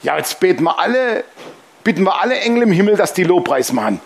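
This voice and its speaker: A man's voice: high-pitched, sing-song, fast, vocal fry, heavily acted. A man playing Jesus as a casual, joking figure in a sermon. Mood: amused. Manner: laid-back, joking, colloquial.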